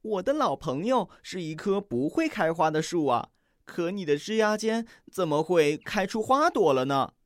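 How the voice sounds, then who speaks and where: A little red-beaked bird from a children's storybook asks puzzled questions in a raised, lively voice, as a reader puts her on. The sound is close and dry. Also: medium pitch, a little slow, dry recording, pitched above the performer's own voice. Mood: wondering. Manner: questioning, wondering. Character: small bird returning to find her friend.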